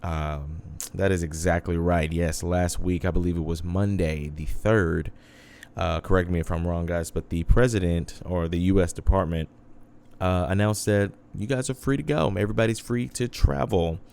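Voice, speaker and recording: A man's voice: low voice, steady tone, normal speed, vocal fry, a little mellow. A man hosting a casual internet radio show, chatty and laid-back, often calling his listeners "guys" and mixing in dry sarcasm.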